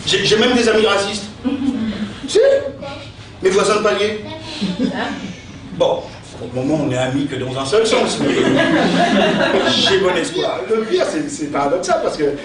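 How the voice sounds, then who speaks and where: Male stage comic, hammy and declamatory, very animated intonation; distant, heavily reverberant live recording. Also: sits high, normal speed, long pauses, over a noisy crowd. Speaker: sketch comedian on stage. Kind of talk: theatrical stand-up monologue with verse tirade. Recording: echoey hall, distant mic, noisy.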